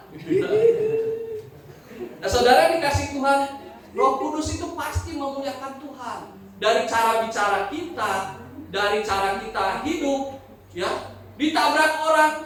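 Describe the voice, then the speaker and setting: A pastor preaching a sermon in a church, joking and asking the congregation questions. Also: male voice, very high voice, fairly bright tone, slight background noise. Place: church hall. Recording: very echoey hall, from a distance.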